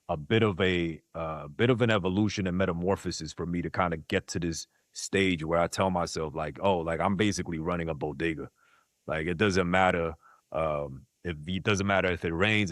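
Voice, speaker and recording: A low-voiced man, recorded in clean studio sound with no room tone, chats casually as a podcast guest. Born in South Korea and raised in Queens, New York, this content creator talks slangily, often saying "like" and "you know what I mean" to check the listener follows.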